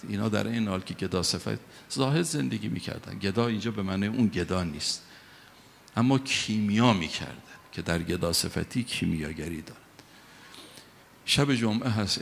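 A male preacher delivering an emphatic, story-driven sermon. His voice is low and gravelly, and a long hall reverb hangs after each phrase. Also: slight background noise. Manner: emphatic storytelling that rises in loudness.

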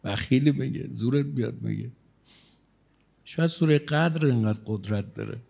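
A male cleric giving a religious sermon in a conversational, teasing manner, his loudness rising and falling as he speaks. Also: medium pitch, creaky. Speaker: cleric preacher.

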